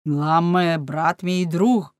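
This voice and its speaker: A woman's voice: fairly low pitch, fairly even intonation, slow pace, no room sound, clean studio sound. A woman reading the part of a bold, teasing young man in an audiobook, in a forthright manner.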